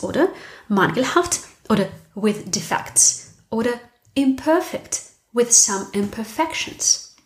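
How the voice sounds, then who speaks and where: A young woman with a slightly high voice hosts her podcast in German, which isn't her native language. She delivers an earnest, reflective monologue and poses questions to her listeners.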